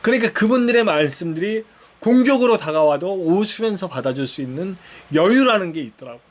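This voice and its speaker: A man's voice: high-pitched, expressive, brisk. A man preaching a sermon in a conversational storytelling way, acting out bits of dialogue and putting questions to the listeners. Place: church.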